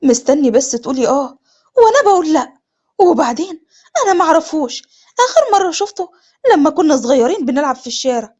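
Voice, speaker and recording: امرأة تؤدي صوت فتاة شابة عنيدة ترفض عريسها، بلهجة مصرية وصوت أعلى. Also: female voice, high voice, animated, quick pace, darkish tone. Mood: stubborn. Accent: Egyptian. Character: young woman, stubborn bride refusing her cousin.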